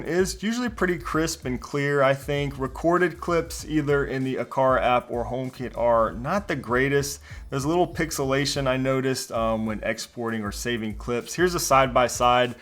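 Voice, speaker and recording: A man's voice: medium pitch, a bit bright. A man giving a casual walkthrough review of a video doorbell, explaining features with the odd filler word. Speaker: tech product reviewer.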